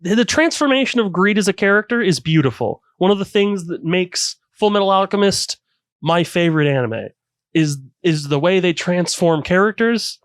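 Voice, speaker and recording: A man co-hosting a casual anime podcast, retelling scenes with animated enthusiasm. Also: high voice, normal speed, clean tone, no echo. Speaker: podcast co-host.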